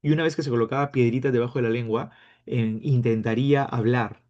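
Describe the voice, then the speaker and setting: A man teaching a class, lively and playful, acting out his students' questions. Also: medium pitch, brisk. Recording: dull lo-fi sound.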